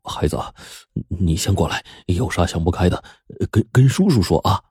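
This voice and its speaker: A man voicing a rough but kind-hearted middle-aged father who talks bluntly and gruffly in a told story. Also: sits low, steady tone, fast, darkish tone, dry recording, studio quality. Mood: coaxing.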